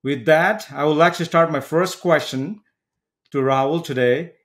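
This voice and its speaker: A man's voice: on the high side, fairly bright tone. Man hosting a podcast. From Nepal. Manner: earnest, halting with many fillers. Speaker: podcast host. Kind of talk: interview podcast.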